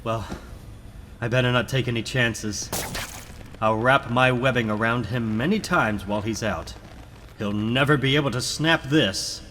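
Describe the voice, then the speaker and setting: A man's voice: medium pitch, a little slow, a little hiss or hum, natural voice. A man playing a determined young superhero who thinks aloud dramatically in a comic book reading. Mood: relieved, resolute. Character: earnest, determined young male superhero narrating his own fight. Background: loud music.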